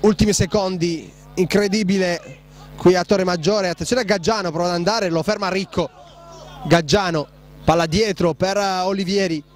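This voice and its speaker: A man giving breathless, excitable live play-by-play commentary on a futsal match. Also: high voice, moderate pace. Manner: breathless, excitable, shouting on goals.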